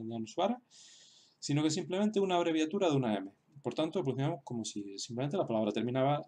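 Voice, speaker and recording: A man teaching a lesson over on-screen writing, speaking hesitantly with many fillers and repeated words, and sounding out example words slowly and carefully. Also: medium pitch, a little mellow. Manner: slow, careful example pronunciations.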